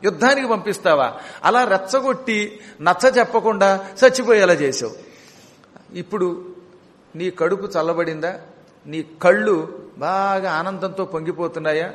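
A man voicing a grieving queen who laments her husband and reproaches her co-wife, in a high voice with long hall reverb. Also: normal speed, long pauses, natural voice. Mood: reproachful.

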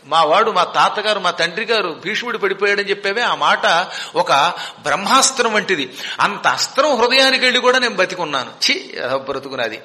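A man with a high, bright voice tells an epic tale as a religious discourse, asking his listeners questions and acting out the moments with drama. His voice rings through a hall with a long reverb tail. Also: lively intonation, brisk. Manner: dramatic, rhetorical questions, chants verses.

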